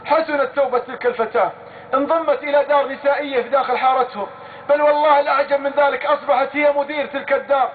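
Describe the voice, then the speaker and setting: High, fast Saudi Gulf preacher, tinny recording. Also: male voice. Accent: Saudi Gulf Arabic. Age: adult with a young daughter. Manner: emphatic, swears oaths often, addresses the crowd directly. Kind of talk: sermon with storytelling. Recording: tinny lo-fi phone-like recording with faint hiss.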